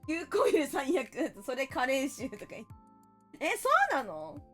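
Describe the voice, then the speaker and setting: A woman's voice: sits high, big pitch swings, a little slow, soft background music. A woman streamer chatting casually while playing a party game, playful and teasing with mock-indignant outbursts.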